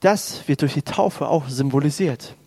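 A man's voice: on the high side, a little slow, vocal fry, a little mellow, husky, no echo. A man preaching a baptism sermon, speaking the words of God and Jesus in raised, emphatic tones. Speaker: pastor.

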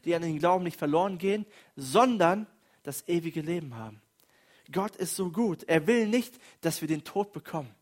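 Man, sermon, earnest and emphatic, slightly higher voice, dramatic delivery. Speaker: preacher.

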